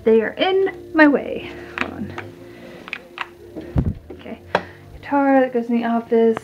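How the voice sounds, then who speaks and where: A young vlogger gives a casual, rambling tour of her house, walking room to room indoors and filming on a handheld phone held at arm's length, with distracted asides along the way. Her voice sits on the high side, slow with lively intonation. The phone audio is muffled, with handling noise.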